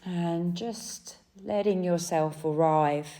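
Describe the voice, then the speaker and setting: Guiding a deep relaxation practice as a yoga nidra guide, a woman speaks very slowly and gently, leaving space between short phrases. Her low, soft-edged voice has a dark, mellow tone that soothes the listener through each step.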